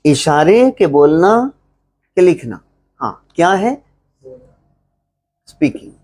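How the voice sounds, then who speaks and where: A man with a Punjabi accent teaching English to a live gathering in a relaxed, joking way. He asks the class questions, answers them himself, and slows right down to spell out English phrases. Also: fairly high pitch.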